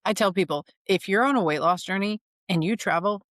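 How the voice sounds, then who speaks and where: A young woman talks in earnest, rambling sentences on a podcast, often stopping to restart. Her mid-pitched voice is recorded close and dry. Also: fairly quick, fairly bright tone, dry recording. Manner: rambling, self-interrupting, earnest. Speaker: podcast co-host. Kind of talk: casual chat.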